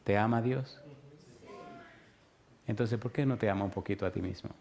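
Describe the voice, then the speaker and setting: A man with a Dominican accent preaching a sermon. He keeps asking his listeners yes-or-no questions and moves between loud, emphatic lines and quiet, hushed ones. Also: on the low side, normal speed. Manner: asks the audience rhetorical yes-or-no questions, swings from loud to hushed.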